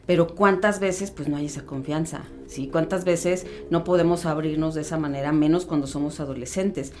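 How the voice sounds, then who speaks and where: A woman's voice: deep voice, moderate pace, mellow, faint music behind. A woman co-hosting a podcast, reflecting thoughtfully and posing rhetorical questions. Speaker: podcast co-host.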